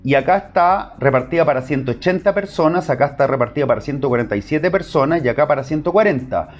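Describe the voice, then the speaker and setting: A man's voice: on the high side, animated, fast talker, muffled recording, soft background music. A man with a Chilean accent teaching an online math class, explaining step by step and checking in with short questions.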